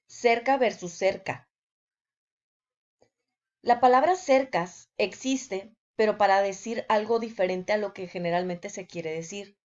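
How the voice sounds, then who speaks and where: A woman, giving a scripted language lesson in a deliberate way, with example sentences. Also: medium pitch, lo-fi sound. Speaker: language teacher.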